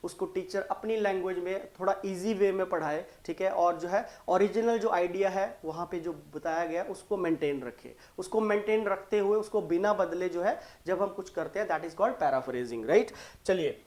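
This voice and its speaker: A teacher with a Punjabi accent giving an online exam-prep lesson, mixing Hindi and English, explaining slowly and often checking in with "right?". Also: mid-range voice, darkish tone. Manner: explains slowly and repeats key terms. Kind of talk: online exam-prep lesson going through multiple-choice questions.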